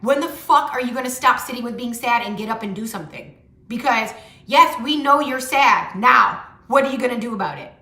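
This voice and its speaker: A woman's voice: on the high side, a little fast, sharp tone. A young adult woman giving a tarot reading in a blunt, pushy way, swearing freely and ending points with "okay?". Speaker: tarot reader and motivational vlogger. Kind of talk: casual tarot reading talk. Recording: echoey room.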